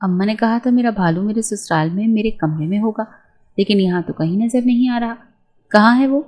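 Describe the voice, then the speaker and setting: A woman's voice: mid-range voice, darkish tone, natural voice. A woman reading the part of a naive, childish teenage bride in a spoken novel, with a whiny, pleading way of talking. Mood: fretful.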